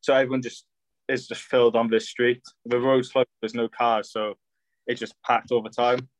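A man's voice: mid-range voice, level tone, moderate pace, no room sound, poor audio. Young Swansea man chatting, close and dry. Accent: Swansea Welsh. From Swansea, Wales. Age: young adult. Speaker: podcast guest. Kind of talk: casual podcast chat.

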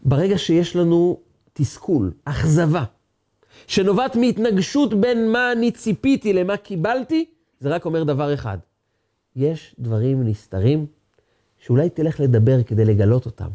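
A man's voice: on the high side, animated, warm tone. A man giving an earnest sermon as a rabbi, acting out quoted speech as he teaches.

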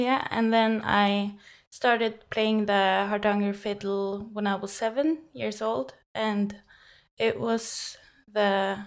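Norwegian woman speaking in an even tone. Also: mid-range voice. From Norway. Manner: cheerful, laughs often, many pauses and fillers. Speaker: guest musician. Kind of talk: casual interview talk.

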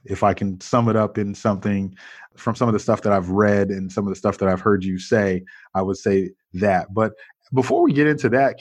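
Male podcast host, low voice, affirming and upbeat, dry close sound. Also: a little mellow, no echo. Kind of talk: casual podcast interview.

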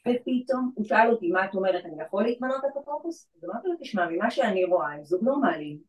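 A woman who works in legal aid, telling a story in casual chat and acting out the voices of the people in it. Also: mid-range voice. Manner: animated, acts out quoted voices. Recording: echoey room from far off.

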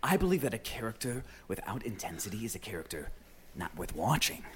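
A man's voice: fairly low pitch, big pitch swings, brisk, fairly bright tone. A man playing a vain, self-important stage actor in a comedy sketch. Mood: grandiose.

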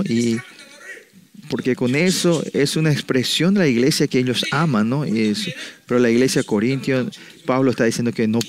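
Preaching to his church, a man with an ordinary mid-pitched voice keeps cutting his sentences short and restarting them in halting bursts. Nearly each phrase closes with a questioning "no?" as he checks that his congregation is following the sermon.

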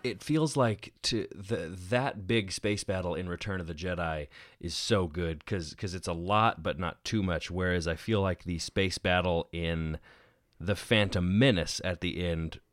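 A man's voice: deep voice, dry recording, studio quality. A man co-hosting a podcast, agreeing eagerly and chatting about a TV show. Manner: enthusiastic, agreeable, quick laughs. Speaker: podcast co-host. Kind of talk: casual discussion.

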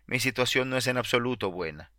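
A man's voice: mid-range voice, expressive, brisk, bright, forceful tone, no echo. Give me an earnest, pleading fifty-year-old woman close to tears, read by a man. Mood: insistent.

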